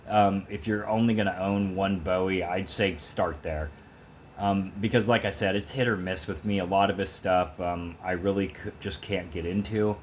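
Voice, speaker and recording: A man whose voice sits low shows a thrift store music haul on camera, chatting casually and emphatically in a rambling way as an opinionated music fan. A little hiss or hum runs through the clip.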